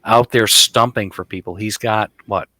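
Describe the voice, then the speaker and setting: A man's voice: fairly low pitch, fairly even intonation, normal speed, pushed and bright, dry recording. A middle-aged man co-hosting a casual political chat podcast, talking emphatically and mockingly, often repeating himself. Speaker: podcast co-host.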